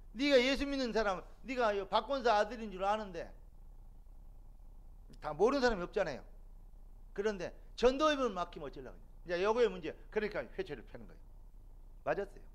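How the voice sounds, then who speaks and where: A middle-aged man preaching a sermon as a pastor in a church, building to loud, emphatic peaks. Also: sits high, very animated, a little fast, long pauses. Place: church sanctuary.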